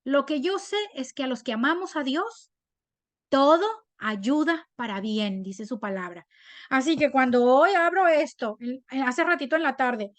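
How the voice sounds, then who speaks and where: A woman leading a women's Bible study. She shares a personal testimony in an animated, chatty way and often checks in with her listeners. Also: sits high, no room sound.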